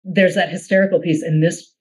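A middle-aged woman from the Boston area hosts a casual podcast interview in a slightly low voice. She chats freely, laughs often and wanders into asides. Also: fairly even intonation, a little fast, poor audio. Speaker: podcast host.

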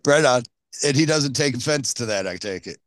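A man hosting a casual interview, rambling with halting restarts. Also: medium pitch, animated, a bit bright, dry recording. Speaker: podcast host.

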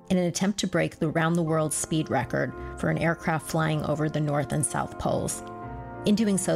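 Low, creaky-voiced woman hosting a podcast. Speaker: podcast host and interviewer. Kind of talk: scripted podcast narration and interviewing.

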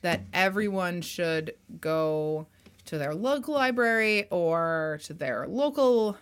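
A woman co-hosting a history podcast, explaining in a measured way, with some vocal fry. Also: fairly low pitch, expressive. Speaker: podcast co-host. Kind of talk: casual history podcast discussion.

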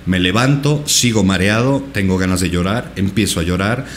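A man's voice: sits low, moderate pace, a little hiss or hum. A male podcast guest earnestly recounting a personal experience, with many repetitions. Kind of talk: personal storytelling in a podcast interview.

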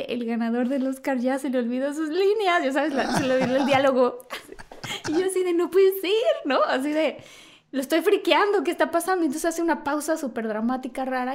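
A woman with a Mexican accent tells an anecdote on a talk show with a fairly high voice. She acts out quoted lines and laughs as she goes. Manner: lively storyteller who acts out quotes and laughs often. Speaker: guest. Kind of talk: animated anecdote telling.

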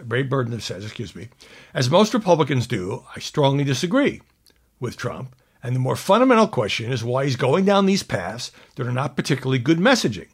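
A man's voice: medium pitch, slightly rough. A man hosting political commentary, reading quotes aloud and adding sardonic asides.

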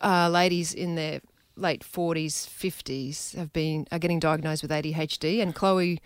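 A woman's voice: low-pitched, fairly even intonation, moderate pace, clean tone, dry recording. A woman, co-hosting a casual radio chat, talking in a chatty way that trails off and restarts. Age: 40s. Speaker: radio co-host.

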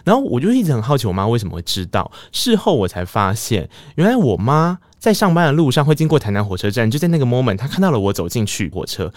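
A man in his thirties with a Taiwanese Mandarin accent, hosting a podcast and telling a story in a casual monologue, laughing and jumping up in pitch when excited. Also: fast talker, few pauses, dry recording. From Tainan, Taiwan. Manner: animated, laughing, jumps high when excited. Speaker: podcast host.

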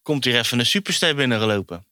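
A man's voice: mid-range voice, lively intonation, fast, bright, forceful tone, a little hiss or hum. Een man die als podcasthost losjes en plagend met zijn gasten kletst. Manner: teasing, joking. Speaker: podcast host. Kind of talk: casual podcast chat.

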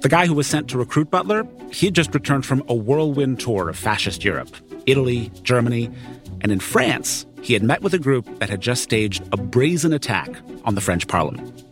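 A man tells a scripted story in a conversational podcast style. His mid-pitched voice moves around in lively swings. Music plays behind him. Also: brisk. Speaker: narrator and reporter.

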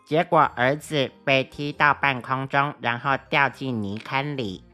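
A woman telling a children's story with a very low voice that still sounds bright and crisp. She reads gently and expressively, with soft music underneath. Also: steady tone, measured pace.

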